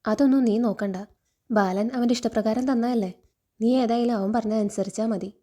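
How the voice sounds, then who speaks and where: A woman's voice: a little high, fairly even intonation, a little fast, mellow, natural voice. Doting old grandmother, as a woman reads her. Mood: fond reassuring.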